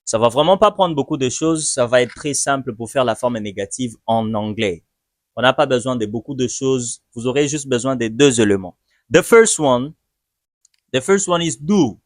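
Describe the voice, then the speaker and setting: A patient male teacher walks through grammar examples, repeating each phrase slowly and clearly. His voice sits at an ordinary middle pitch. The sound is dry and close, with no room echo. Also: expressive. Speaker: English teacher. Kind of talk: video lesson, slow explanation.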